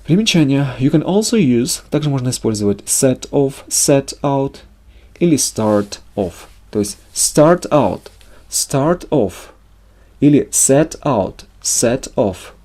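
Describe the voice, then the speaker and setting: A man's voice: medium pitch, lively intonation, slow pace, a little mellow. A man teaching a language lesson, reading example sentences and then translating them. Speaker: English teacher.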